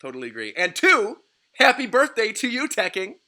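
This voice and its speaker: A man in his late twenties hosts a relaxed online panel, reading fan submissions aloud. His voice is bright and sits a little high, and he laughs easily. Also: brisk. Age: 20s. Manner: upbeat, laughs often, reads viewer entries aloud. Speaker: host. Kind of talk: casual livestream panel chat.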